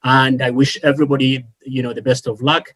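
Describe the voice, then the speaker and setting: A man from Kenya talks as a panelist in a policy discussion. His delivery is earnest and measured, broken by frequent fillers and self-corrections. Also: mid-range voice, flat delivery, a bit bright.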